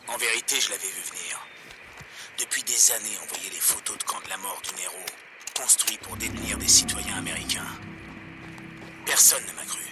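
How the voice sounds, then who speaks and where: An actor playing a defiant, conspiracy-minded pirate radio broadcaster in a video game, preaching in a folksy monologue. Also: male voice, fairly low pitch, moderate pace, loud music behind the voice, close to an everyday voice. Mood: defiant, bitter. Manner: preachy, anti-government, folksy.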